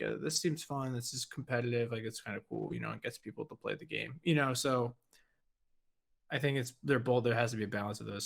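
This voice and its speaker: A man in easy podcast chat, rambling along and leaning hard on "like" and "you know". His pitch sits in an ordinary middle range, and he talks in loose, run-on sentences. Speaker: podcast co-host. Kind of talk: casual chat.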